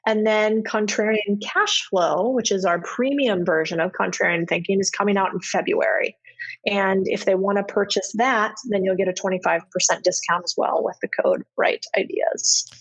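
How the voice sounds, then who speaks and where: A woman's voice: medium pitch, fairly even intonation, moderate pace, poor audio. A woman guesting on a podcast, talking in a breezy, chatty way that is a little scattered. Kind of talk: casual interview chat.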